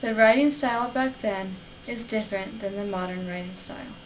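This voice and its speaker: A woman's voice: mid-range voice, moderate pace. A young adult woman student giving an earnest, structured persuasive speech for a class. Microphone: camera at a distance. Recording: distant camera with faint hiss.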